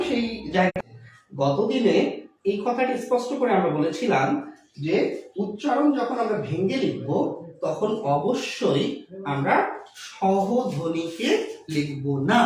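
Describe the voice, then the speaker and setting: A Bengali language teacher giving a slow lesson on pronunciation rules, repeating each word and example. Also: medium pitch, darkish tone. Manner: explains slowly, repeats words and examples. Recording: echoey room recorded from far off.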